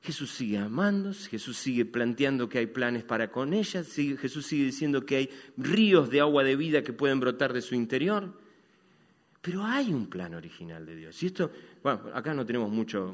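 A man with a Rioplatense accent preaching a sermon as pastor, swinging between loud and hushed. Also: mid-range voice, long reverb tail. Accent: Rioplatense Spanish.

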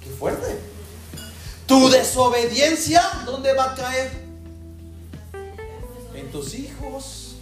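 A woman preacher delivering an animated sermon, mimicking people in mocking voices. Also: high voice, drawn-out words, pauses often. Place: large echoing church hall. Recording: very echoey hall with faint music.

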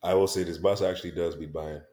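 Male panelist, low register, argumentative sports explainer who repeats his points in casual debate. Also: steady tone, quick pace, dark tone. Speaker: football podcast panelist.

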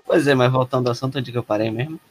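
A man's voice: medium pitch, very fast, no room sound. A young man with a Brazilian accent, chatting casually in sweary slang.

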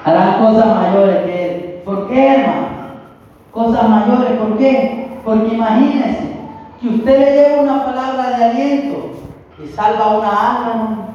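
A man preaching a sermon slowly and haltingly, often calling the listeners "hermano". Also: high voice, a little mellow, slight background noise. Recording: distant, echoey hall, muffled.

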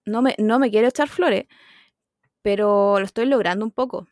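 A woman's voice: medium pitch, moderate pace, darkish tone, dry recording, clean studio sound. A young Chilean woman co-hosting a podcast, chatty and giggly with self-mocking humor. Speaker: podcast co-host. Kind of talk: casual chat.

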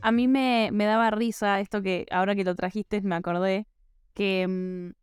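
A woman's voice: medium pitch, steady tone, normal speed, smooth, no echo, soft background music. A young Argentine woman with an Argentine accent hosting a podcast, chatty and self-mocking, with frequent "eh" fillers. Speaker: podcast host. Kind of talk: casual podcast conversation.

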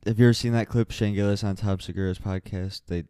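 A man's voice: on the low side, steady tone, fast, mellow, smooth, no echo, clean studio sound. A young man co-hosting a podcast in casual crude chat, laughing often and rambling with fillers. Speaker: podcast co-host.

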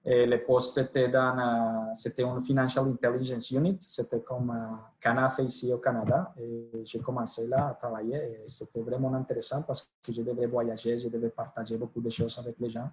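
A man's voice: medium pitch, level tone, moderate pace, hardly any pauses, a little mellow. A man in his forties from Colombia, speaking French with a Colombian Spanish accent as a podcast guest, hesitant and full of restarts. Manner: hesitant, frequent fillers and restarts in second language. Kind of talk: casual interview storytelling.

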